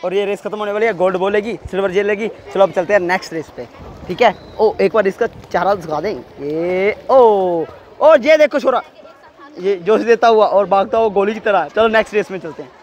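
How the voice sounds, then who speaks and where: A man's voice: sits high, fairly even intonation, a little fast, slight background noise. A man vlogging a school swimming meet, chatting casually to his viewers and calling encouragement to the swimmers. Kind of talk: casual commentary to camera. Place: outdoor swimming pool at a school competition.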